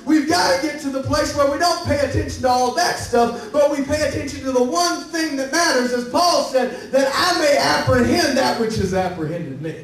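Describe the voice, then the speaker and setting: A man's voice: expressive, moderate pace, few pauses. A man preaching a sermon as pastor, building his points with rising emphasis and calls out to his church. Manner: high-pitched, preaching with rising emphasis and call-outs to the church. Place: large church hall. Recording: echoey church hall from far off, faint hiss.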